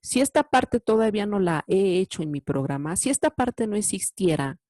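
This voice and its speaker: A woman's voice: mid-range voice, animated, moderate pace, dark tone, dry recording, studio quality. A woman with a Mexican Spanish accent teaching a programming lesson, explaining code patiently step by step and often checking in with a questioning "sí". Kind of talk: recorded lecture explaining code.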